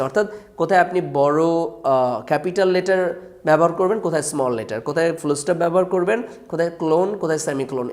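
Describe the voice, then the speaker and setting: A man's voice: on the high side, a little mellow. A man with a Bangladeshi Bengali accent, an author presenting his own grammar book, listing its topics earnestly with frequent hesitations. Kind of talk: promotional talk to camera.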